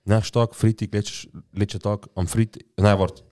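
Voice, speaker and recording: A man's voice: fairly low pitch, little pitch movement, normal speed, darkish tone. A young man, telling a story in casual, slangy chat and rambling along.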